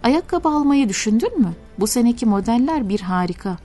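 A woman voicing a kind, generous male shoemaker in a storybook reading, gentle and playfully bargaining. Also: on the high side, very animated, fairly quick, faint music behind.

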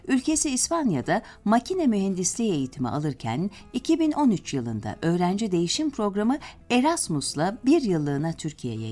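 A woman's voice: medium pitch, a little mellow. A woman presenting a programme with scripted documentary narration.

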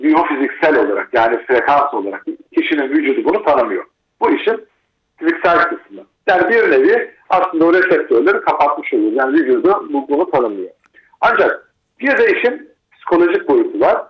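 A man on a phone line that rings with echo, his somewhat high voice dulled and muffled by the call. He speaks as a doctor explaining a treatment, measured and steady. He often pauses with hesitation sounds. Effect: echoey voice over the phone line. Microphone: phone with earphones.

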